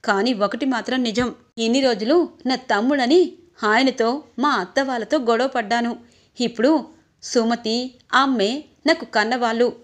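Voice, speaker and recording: A woman voicing a fierce young married woman who scolds loudly and indignantly in a storybook retelling. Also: a little high, measured pace, pauses often, lightly acted. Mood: bitter.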